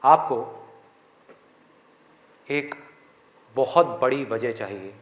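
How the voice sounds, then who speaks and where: A man's voice: mid-range voice, very slow, a little hiss or hum. A man giving a motivational session to a live audience in a hall, full of rhetorical questions and acted-out voices. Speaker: motivational speaker. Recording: echoey hall with faint crowd.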